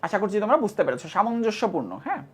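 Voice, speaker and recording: Drilling, repetitive lecture voice. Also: female voice, medium pitch, big pitch swings, rapid-fire, slightly rough. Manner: repeats key terms and asks "হ্যাঁ?" to check understanding. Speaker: chemistry teacher. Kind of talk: classroom lecture.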